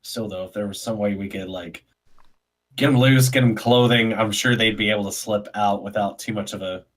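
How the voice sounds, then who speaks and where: A man's voice: on the low side, steady tone, moderate pace. A man in a tabletop game session, talking in a laid-back, drawling way. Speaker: player. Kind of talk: tabletop role-play chat.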